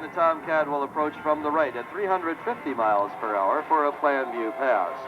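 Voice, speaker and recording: An American man working as an airshow commentator, giving measured, technical announcements over music in a dull outdoor recording. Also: fairly high pitch.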